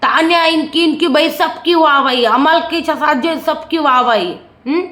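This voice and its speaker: Speaking at a measured pace, a high, bright-voiced woman offers her indignant take on a reality show, repeatedly posing rhetorical questions as her voice echoes around the room.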